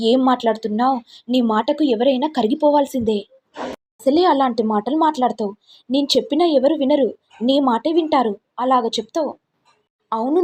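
A woman voicing a harsh young husband in a told family drama, scolding in rapid accusations. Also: sits high, mellow.

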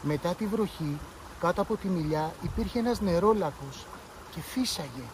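A man voicing a gentle, soft-spoken young boy in a read-aloud story, speaking slowly and quietly. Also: lively intonation, background noise. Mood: quiet, earnest. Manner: slow, hushed, low-voiced.

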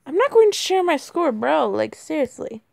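Gravelly yet a little mellow, her high-pitched voice swings widely in pitch at a moderate pace. She's a gamer casually chatting through a mobile game, flustered and self-deprecating, voice cracking, with constant "bro" and "like." The recording is dry, with clean studio sound.

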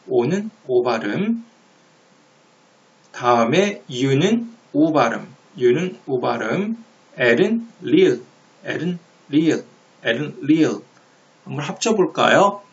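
A man with a gravelly voice walks through an English pronunciation lesson, taking it slowly. He stretches out each sound and repeats it so the learner can follow. The recording has a muffled, lo-fi quality. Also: medium pitch. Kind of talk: step-by-step phonics lesson.

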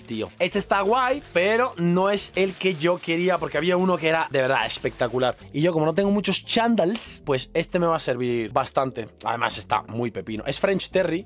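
Excitable young Spanish man vlogging. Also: a little high. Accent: Spain Spanish. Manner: excitable, slangy, shouts in bursts. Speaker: fashion unboxing youtuber. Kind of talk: casual vlog chat.

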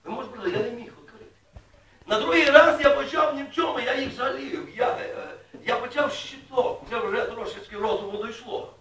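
A man preaching a sermon to his congregation in a folksy way, asking them questions and rising loudly when he reads scripture. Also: very high voice, a little fast. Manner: folksy, asks the congregation questions, rises to loud reading. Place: church hall. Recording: echoey room, mic at a distance.

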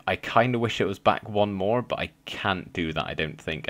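A man's voice: low voice, fairly bright tone. A young man with a slight lisp chatting casually as he plays a building game, thinking aloud with frequent ums and little laughs. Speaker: gaming channel host. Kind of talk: casual let's play commentary.

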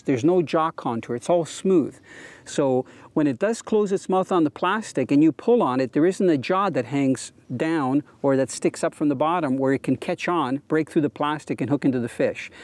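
A man's voice: on the high side, a little mellow, no room sound. Upbeat man hosting an outdoor fishing show. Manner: enthusiastic, explanatory, with frequent "you know". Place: outdoors on a boat and dock by a lake.

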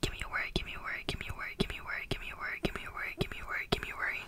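A young woman in a breathy, soothing whispered role-play, very close to the microphone, repeating phrases with tingly ASMR mouth sounds. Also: racing. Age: young adult. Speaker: ASMR creator. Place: small room indoors. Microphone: close desktop condenser microphone.

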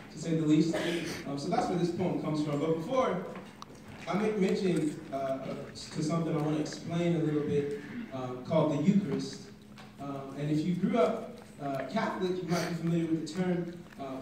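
A man's voice: fairly high pitch, recorded from a distance, slight background noise. Young man performing spoken word, echoey room. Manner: builds from quiet intensity to shouting. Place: classroom at a conference, indoors. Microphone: stand mic, filmed by a phone from the audience.

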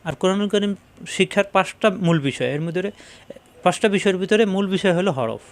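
A man teaching Quran letter pronunciation in a slow lesson, repeating each sound in a Bangladeshi Bengali accent. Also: sits high, lively intonation. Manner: drills letter sounds with repetition.

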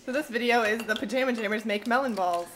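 A woman egging on her friends, laughing and counting out loud in a casual home video. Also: a little high, quick pace. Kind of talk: casual chat. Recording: loud background noise with clicks.

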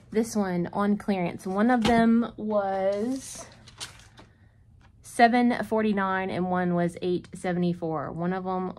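A woman's voice: medium pitch, noisy background. A woman in a casual shopping haul vlog, chatting through her purchases and adding up prices and savings. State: out of breath. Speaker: vlogger.

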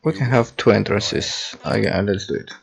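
A man's voice: on the low side, lively intonation, normal speed, gravelly, muffled recording. A man giving casual commentary while playing a video game. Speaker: gamer.

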